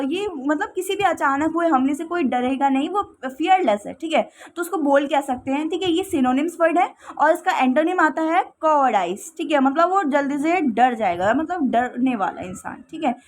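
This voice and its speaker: A woman's voice: high-pitched, animated, moderate pace, a little hiss or hum. A woman teaching English vocabulary in a casual classroom style, repeating "okay" often and explaining with everyday examples.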